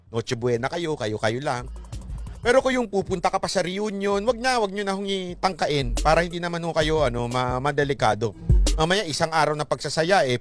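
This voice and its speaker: A man's voice: a little high, a bit bright. A Filipino man hosting a casual YouTube livestream, joking and mocking, often slipping into sung phrases. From Philippines.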